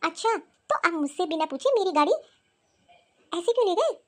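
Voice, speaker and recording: A woman's voice: lively intonation, normal speed, fairly bright tone. A woman voicing a proud, demanding young wife who is indignant, in a cartoon story. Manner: shrill, indignant. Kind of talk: cartoon voice acting.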